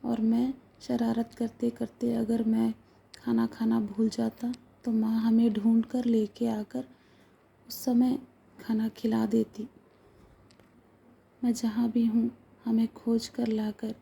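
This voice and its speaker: A woman's voice: on the high side, creaky, warm tone, slightly rough, full character voice. A woman voicing an earnest, hungry eight-year-old boy who pleads as he explains himself to his father in a told story.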